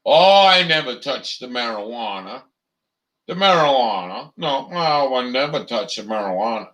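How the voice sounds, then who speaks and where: A man's voice: medium pitch, animated, moderate pace, a bit bright, voice pushed down, lightly acted, poor audio. A man putting on a mocking voice of a prim man who denies ever touching drugs.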